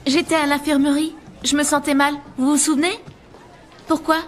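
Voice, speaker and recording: A woman's voice: sits high, flat delivery, normal speed, faint music behind, lightly acted. A woman playing an anxious, flustered teenage girl in a family comedy film. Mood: sheepish.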